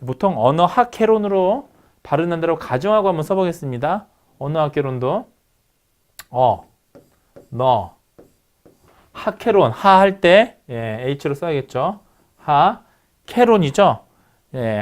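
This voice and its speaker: Male lecturer, slightly high, lively delivery, asks the class questions and answers them. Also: a little slow. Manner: instructive, poses questions to students then answers them. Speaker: university lecturer. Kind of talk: online phonetics lecture.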